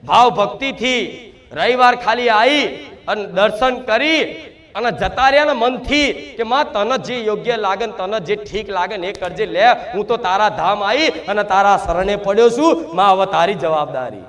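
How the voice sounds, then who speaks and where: A man's voice: sits high, normal speed, fairly bright tone. A man, giving a devotional sermon in the first person as the goddess, emphatic and full of repeated rhetorical questions.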